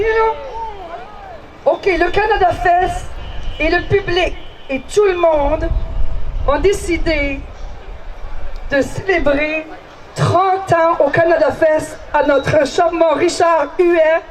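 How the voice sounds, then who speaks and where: A woman's voice: extremely high pitch, takes it slowly, long pauses, rough recording. A woman with a Quebec French accent co-hosting from an outdoor festival stage, playful and teasing. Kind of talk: lively stage emceeing. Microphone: handheld stage microphone.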